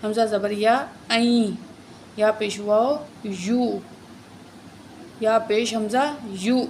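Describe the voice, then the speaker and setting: A woman teaching a word-by-word tajweed lesson, drawing out each recited word slowly, then spelling letters and vowel marks in quick explanations. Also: on the high side, fairly even intonation, darkish tone, slight background noise.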